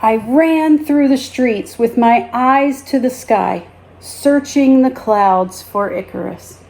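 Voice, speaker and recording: Her pitch fairly high, a female teacher reads a children's tale to her listeners with careful, expressive storytelling delivery.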